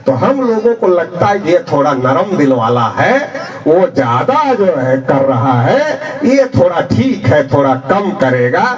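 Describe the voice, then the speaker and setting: A man speaks at a public rally in an emphatic, storytelling way, voicing short exchanges as he goes. His voice is high and swings widely in pitch, and he talks slowly. The recording is dull and lo-fi, picked up from some distance. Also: big pitch swings, reverberant. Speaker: political speaker. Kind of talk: public political speech.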